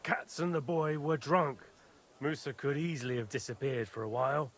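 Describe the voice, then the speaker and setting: A man's voice: medium pitch, normal speed, fairly bright tone, natural voice. Man playing a sneering soldier witness. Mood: snide. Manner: sneering, snide.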